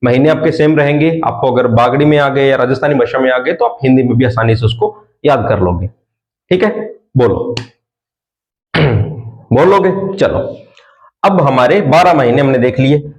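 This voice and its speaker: Lively teacher drilling month names. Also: male voice, mid-range voice, moderate pace. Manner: lively, repeats terms for students to memorize, often says "theek hai". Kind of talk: classroom-style exam coaching lesson. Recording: echoey room.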